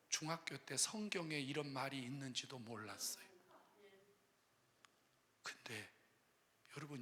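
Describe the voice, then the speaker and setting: A male pastor preaching a testimony sermon, telling his story dramatically, moving from hushed asides to loud shouts. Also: mid-range voice. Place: prayer house sanctuary. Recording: long hall reverb.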